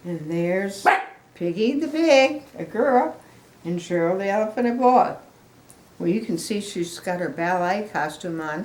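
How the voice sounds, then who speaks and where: Reading a picture book to children, an older woman speaks with a medium-pitched, somewhat dark voice. Her phrases are simple and explanatory, aimed at young listeners and sprinkled with small asides, and the room around her echoes.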